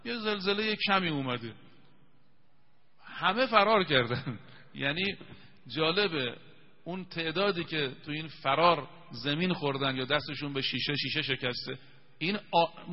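Man, preacher, emphatic storyteller, slightly high voice, dull lo-fi sound. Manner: emphatic storytelling, slows to recite scripture. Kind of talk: televised religious sermon. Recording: dull lo-fi sound with long reverb.

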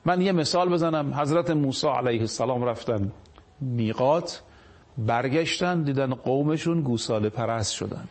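A man's voice: medium pitch, darkish tone. Man teaching religion on a TV show. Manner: reads Arabic scripture slowly, then paraphrases it; asks rhetorical questions of the viewers. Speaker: religious speaker on a TV program. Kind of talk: televised religious talk.

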